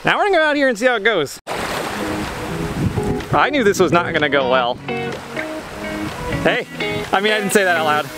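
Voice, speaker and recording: A man's voice: high voice, very animated, normal speed, long pauses, loud music behind the voice, poor audio. A young man from the American Midwest, joking and bantering sarcastically in a casual vlog recorded outdoors on a beach. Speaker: vlogger. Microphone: camera on a tripod, later handheld at arm's length.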